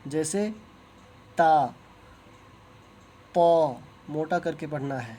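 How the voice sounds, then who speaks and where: A man teaching Quran reading, who pronounces letters slowly and carefully and explains each sound in plain, patient speech. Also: a little high, steady tone, a little mellow. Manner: drawn-out, careful letter recitation with pauses. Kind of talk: slow teaching of Arabic letter pronunciation.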